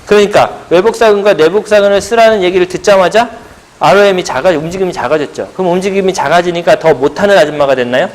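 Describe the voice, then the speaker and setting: Talking fast in a high voice, a middle-aged man teaching pilates gives a seminar-room lecture. He throws questions at the audience, answers them on his own, and punctuates things with playful buzzer noises.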